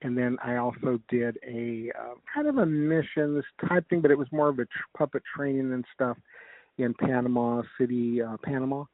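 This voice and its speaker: A man's voice: medium pitch, dry recording. Middle-aged American man on a dull phone line. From United States. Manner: rambling, halting recollection. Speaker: guest, comedic ventriloquist. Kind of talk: casual interview chat. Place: phone interview.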